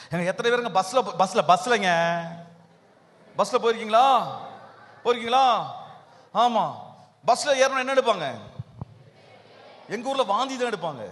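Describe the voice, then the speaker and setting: A man with a Tamil Nadu accent preaches to a youth gathering, his voice very high and bright. He keeps throwing questions at the listeners and bursts out loud now and then. The sound rings with a long reverb from a big hall. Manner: questions the crowd often, with sudden loud bursts. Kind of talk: sermon. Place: large hall at a hillside camp.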